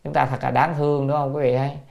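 A man giving a Buddhist sutra commentary lecture. He chants classical phrases slowly, then explains them word by word, often asking his listeners rhetorical questions. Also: mid-range voice, flat delivery, creaky, darkish tone.

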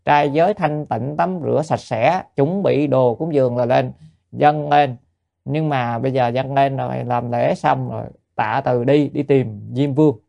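A male Buddhist teacher delivers a dharma talk woven with a story. His voice has a gravelly, creaky texture at a middling pitch. He keeps turning to listeners with rhetorical questions. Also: fairly even intonation, measured pace, darkish tone.

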